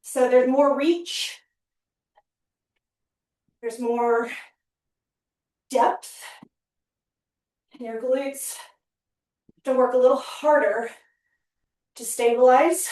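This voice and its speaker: A woman's voice: high voice, fairly even intonation, extremely slow, long pauses, darkish tone. A woman fitness trainer leading a home workout class, counting reps and giving upbeat cues while she gets out of breath. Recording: very echoey room, mic at a distance.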